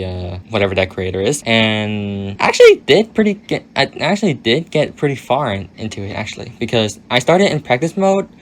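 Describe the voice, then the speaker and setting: Young man, raspy voice, mid pitch, casual Q&A creator, hedging, trailing sentence ends. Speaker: video creator answering viewer questions. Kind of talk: casual Q&A monologue.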